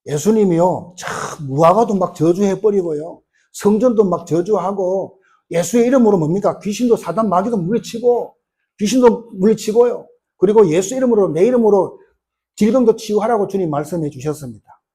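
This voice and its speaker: A male pastor preaching a sermon in an animated way, firing rhetorical questions at the congregation. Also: high voice, moderate pace, breathy edge.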